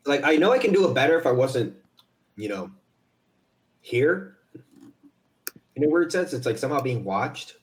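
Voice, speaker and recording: Speaking at normal speed with a medium, sing-song pitch, this man rambles in self-deprecating small talk ahead of a stream, much like an amateur voice actor. He pauses often, and the home recording sounds roomy and echoey.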